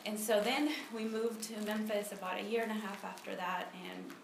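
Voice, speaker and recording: A thirtysomething woman from Honduras speaks at normal speed in a creaky, medium-pitched voice with fairly even intonation. At a church ministry meeting she gives a casual personal testimony and prays, frequently using um and starting over. The tabletop phone recording has echo and noticeable background noise.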